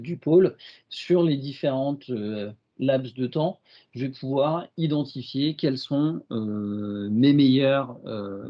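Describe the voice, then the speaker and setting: A man with a French accent walks through a software demo on a video call, stopping often on fillers and restarting his sentences. His voice sits at an ordinary pitch. The audio is dull and lo-fi, like a computer mic. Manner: hesitant, many fillers and restarts. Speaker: IT consultant presenting a demo. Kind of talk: webinar product demo.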